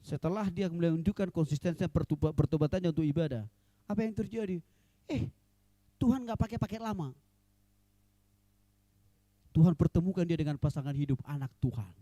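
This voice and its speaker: Man, pastor, church sermon, high voice, joking asides. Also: brisk, long pauses, no echo. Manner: animated preaching with joking asides.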